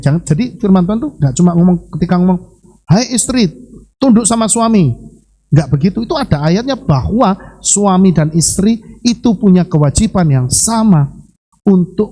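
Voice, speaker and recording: Male pastor, Javanese accent, lively sermon delivery, rhetorical questions to the congregation, pitch swooping high and low. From Central Java, Indonesia.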